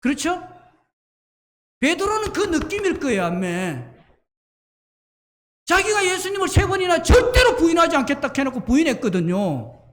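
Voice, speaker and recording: A male pastor preaching a sermon in an animated, emphatic way, at times raising his voice to a shout. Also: extremely high pitch, normal speed, pauses often.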